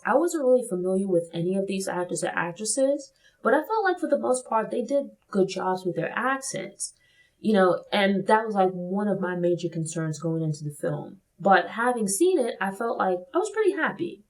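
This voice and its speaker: A woman from Brooklyn, New York, hosts a casual spoken film review. She talks thoughtfully at a mid pitch, often hedging her points with "like" and "you know." Her delivery sounds like relaxed conversation, not a script. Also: low-quality recording.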